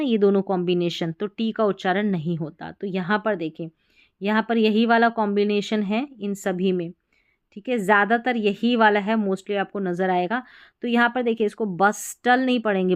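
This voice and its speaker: A woman teacher works through English spelling patterns in Hindi, her voice smooth and clear at an ordinary middle pitch. She is patient and methodical, sounding out each example slowly and repeating it. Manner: patient, repeats words slowly to model pronunciation. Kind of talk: explaining spelling rules.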